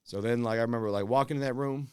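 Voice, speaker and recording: Fast-talking man rambling through stories. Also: mid-range voice, darkish tone, smooth, dry recording, studio quality. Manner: fast rambling anecdotes with profanity and quick voice swings. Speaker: podcast guest telling stories. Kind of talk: casual storytelling chat.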